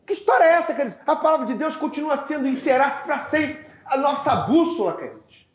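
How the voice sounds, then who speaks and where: A male pastor preaching a sermon, telling a story with animated acted-out dialogue and often addressing the congregation as dear ones. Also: very high-pitched, brisk, echoey room. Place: church.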